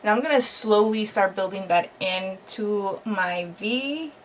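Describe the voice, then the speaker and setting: A woman's voice: medium pitch, unhurried, a little hiss or hum. A woman in her thirties chatting to viewers in a casual makeup tutorial vlog at home, talkative and bubbly. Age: 30s. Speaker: beauty vlogger.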